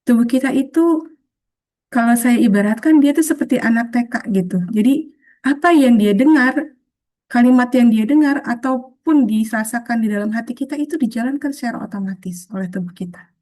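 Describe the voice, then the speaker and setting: A woman leads a healing webinar over a video call at normal speed, soft and patient. She often addresses her listeners as friends and acts out brief bits of self-talk in a higher voice.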